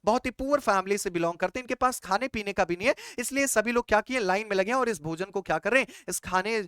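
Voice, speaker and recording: A young man explains exam idioms to his students in a lively, chatty way. He keeps asking questions aloud and answering them himself, calling listeners brother and child. His voice is smooth and crisp, recorded close and dry. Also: sits high, fast talker, dry recording. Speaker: English exam teacher.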